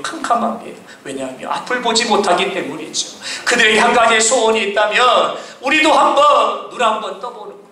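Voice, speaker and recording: A male pastor preaching a sermon, with emphatic repeated refrains, shouted lines and calls for amen. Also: sits high, a little hiss or hum. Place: church sanctuary. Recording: echoey church from a distance.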